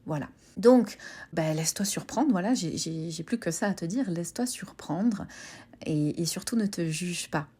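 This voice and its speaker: A woman with a breathy, husky voice gently and informally introducing a guided meditation, reassuring and a little hesitant. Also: lowish voice, moderate pace.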